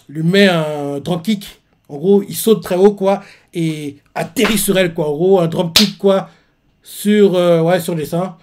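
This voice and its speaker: A man casually recapping a manga chapter as a reaction host, rambling with many restarts. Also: on the high side. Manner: rambling, with constant filler tags and restarts.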